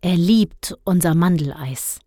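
A woman doing a polite calm ice cream seller. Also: fairly low pitch, slow, no room sound, clean studio sound. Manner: courteous, calm, formal.

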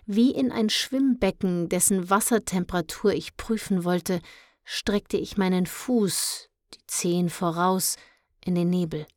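A woman tells a children's story in the first person, slowly and calmly, in a fairly low voice. The reading is measured and even. The sound is dry and close, with no room around it. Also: no echo. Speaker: audiobook reader.

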